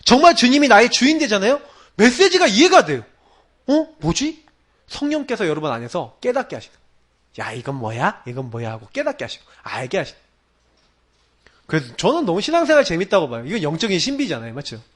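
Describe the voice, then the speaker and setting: A male pastor delivers a night sermon in a high voice. His pitch leaps and drops as he acts out the quoted lines. The telling is animated and he addresses the congregation directly. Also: quick pace. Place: church sanctuary.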